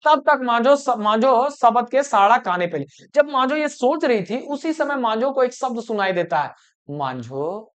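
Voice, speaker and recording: A man's voice: very high-pitched, animated, moderate pace, hardly any pauses, fairly bright tone, smooth. A man teaching a folk story to students. He explains it line by line and keeps checking that they follow.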